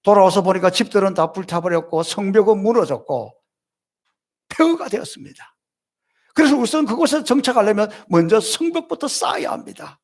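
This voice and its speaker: A middle-aged pastor preaches a Sunday sermon in a high voice. His pitch leaps and falls widely as he stacks repeated phrases. He presses his points with rhetorical questions. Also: animated, brisk. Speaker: senior pastor.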